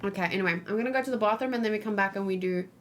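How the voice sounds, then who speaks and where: Rapid-fire and medium-pitched, this woman hosts a game stream, casually thinking aloud and muttering to herself a lot. Keyboard typing, mouse clicks and general background noise make the recording noisy.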